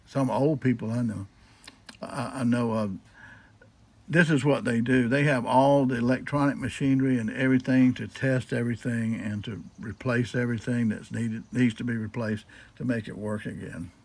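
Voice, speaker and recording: Showing how he restores old radios, this medium-voiced hobbyist talks casually and folksily without a script, at a moderate pace with fairly even intonation. He revisits his points, checks in with viewers, and poses questions he then answers himself.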